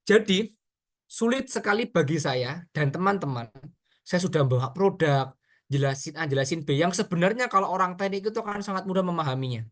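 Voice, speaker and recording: A man's voice: sits high, brisk. Chatty man giving a workshop talk. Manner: chatty, animated, addresses audience directly. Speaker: workshop speaker. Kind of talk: casual online workshop talk.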